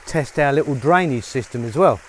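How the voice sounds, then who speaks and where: A middle-aged farmer vlogs casually to camera while working outdoors in the rain on his rural property, his medium-pitched voice lively in intonation and fairly quick. He's chatty and upbeat, leaning on lots of fillers, recorded with a lapel mic.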